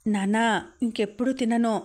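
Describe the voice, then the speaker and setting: A woman voicing a grieving young woman, a devoted older sister who pleads softly, in an audiobook reading. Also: on the high side, fairly even intonation, moderate pace, lightly acted. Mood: sad pleading.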